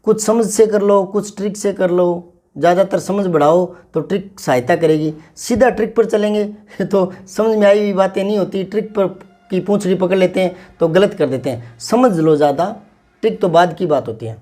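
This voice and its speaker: A man with a high-sitting, dark-toned voice and normal speed teaches a grammar lesson for exam prep. He explains step by step, often repeating "ठीक है ना" to check that students are following.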